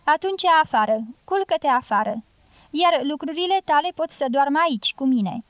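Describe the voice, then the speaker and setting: A woman reading an audiobook, voicing a loud, blunt, domineering middle-aged guerrilla woman in a raised, forceful voice. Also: high-pitched, animated, no echo, dull audio, pitched above the performer's own voice. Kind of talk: audiobook character voice.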